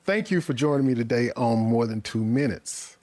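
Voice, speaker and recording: A man's voice: medium pitch, expressive, moderate pace, a little mellow, no room sound. An American man from Dallas hosting a casual chat, effusive and often repeating his words. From Dallas, Texas, US. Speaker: podcast host and interviewer.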